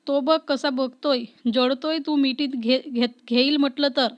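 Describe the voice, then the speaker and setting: A woman voicing a young female officer who is strict, playful and quick to scold. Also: high-pitched, steady tone. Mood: teasing. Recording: dull lo-fi recording.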